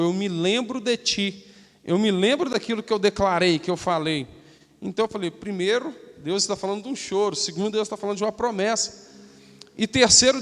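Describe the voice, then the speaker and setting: A man from Minas Gerais preaching a casual sermon, leading the service and often tagging his sentences with a questioning "né". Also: high-pitched. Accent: Minas Gerais Portuguese. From Brazil. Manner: conversational, tags sentences with a questioning "né". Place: church hall. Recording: reverberant church hall from a livestream.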